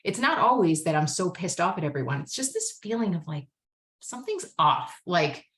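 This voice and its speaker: Low-voiced woman sharing candidly. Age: adult, married with kids. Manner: candid, animated storytelling, quick asides. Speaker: meeting speaker. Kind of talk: recovery meeting share.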